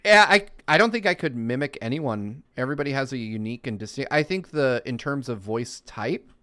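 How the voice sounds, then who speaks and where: Lively podcast host reading fan messages. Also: male voice, mid-range voice, fairly quick, dry recording, studio quality. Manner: animated, reads fan messages aloud with frequent laughs. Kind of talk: casual chat.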